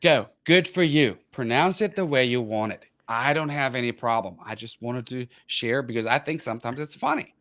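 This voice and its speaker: A man with a German accent, hosting a casual cultural Q&A and explaining at length with restarts, sometimes slowing down to spell words out. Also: mid-range voice, fairly bright tone, no room sound, studio quality. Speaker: host.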